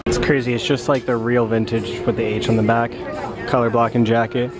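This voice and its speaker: A young man vlogging as he walks through mall stores with a handheld camera, talking in an excited, hyped sneakerhead way. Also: medium pitch, brisk, over loud music. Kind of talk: casual shopping vlog. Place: large indoor retail stores at a mall.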